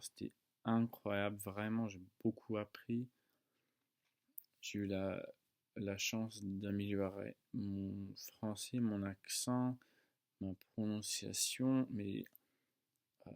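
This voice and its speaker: A man in his early twenties from the United States speaks non-native French with an American accent, casually and haltingly, searching for words and correcting himself. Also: lowish voice, creaky, darkish tone. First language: English. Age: early 20s. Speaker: student video maker. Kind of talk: casual talk to camera.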